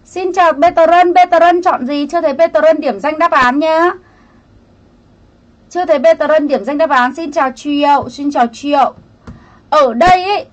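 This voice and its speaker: A woman's voice: sits high, muffled recording. A woman teaching an English grammar lesson on a livestream, chatty, greeting viewers by name and explaining each answer option.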